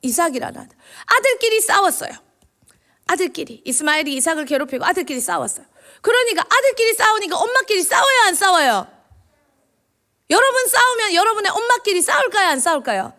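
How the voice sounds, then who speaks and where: A woman, a children's minister giving an animated sermon in church and quizzing the children with questions. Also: very high-pitched, a little fast.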